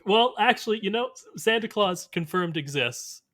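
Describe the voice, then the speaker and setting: Man, podcast co-host, casual chat, teasing banter, slightly raised pitch. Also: expressive, moderate pace, a bit bright.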